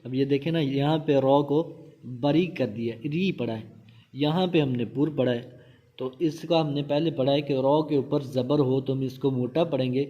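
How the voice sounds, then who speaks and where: A man teaching Quran reading, spelling out letters and syllables slowly and repeating them for pupils to copy. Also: medium pitch, fairly even intonation, highs cut off. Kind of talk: slow drilled lesson recital.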